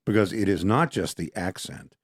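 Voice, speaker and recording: Male co-host, low register, dry close mic, loose rambling delivery. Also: expressive, moderate pace, breathy edge, dry recording. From Texas. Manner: rambling, restarts often. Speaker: podcast co-host. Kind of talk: casual conversation.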